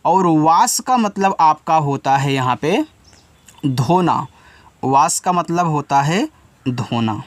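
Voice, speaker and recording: A man giving an English lesson step by step, patiently repeating each word and its meaning and spelling letters out slowly. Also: a little high, animated, no echo. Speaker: English teacher.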